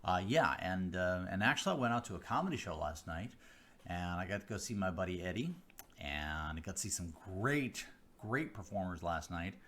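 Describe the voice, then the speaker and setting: This Chicago-area mentalist hosts a live stream, casually answering viewer questions on a close studio mic. His low, expressive voice has a fairly bright tone and sounds deeper than usual today. He rambles with fillers and restarts, yet slows down with deliberate pauses.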